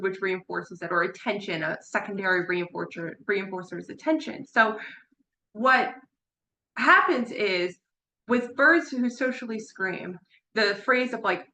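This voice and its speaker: A woman giving a casual lecture on parrot behavior, her voice pitched a little high and clear, bright and sharp. She leans on repeated words for emphasis and laughs now and then. The room around her rings with echo. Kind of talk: informal online lecture. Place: room at home with her birds. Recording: echoey room.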